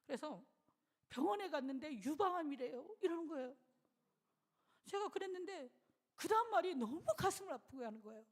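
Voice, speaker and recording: A woman's voice: high voice, fairly quick, pauses often. A middle-aged woman pastor giving a sermon in a church, telling a personal story with emotion and acting out what others said. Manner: animated, emotional storytelling, acts out quoted voices. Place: church sanctuary.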